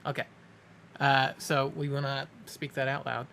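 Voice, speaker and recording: A man's voice: mid-range voice, monotone, measured pace, vocal fry, sharp tone, a little hiss or hum. A man acting as game master, narrating and chatting with players in a tabletop game, with casual asides and self-corrections.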